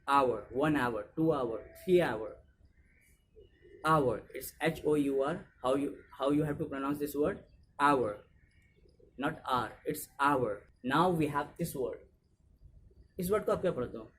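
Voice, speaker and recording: A man's voice: on the high side, a little hiss or hum. A man with an Indian accent teaching English pronunciation in a casual video lesson, repeating each word and asking "What?" to drill it.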